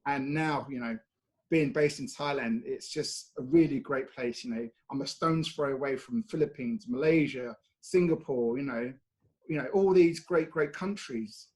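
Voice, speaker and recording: A man's voice: medium pitch, normal speed, darkish tone. A British man from the UK answering interview questions in a casual, chatty way, often dropping in "you know". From United Kingdom. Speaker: brand ambassador interviewed.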